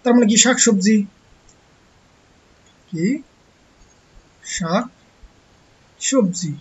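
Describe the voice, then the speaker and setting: A teacher gives an online textbook lesson to young pupils. The teacher asks rhetorical questions and answers them, slowly repeating key words. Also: medium pitch, a little mellow, dull audio, a little hiss or hum.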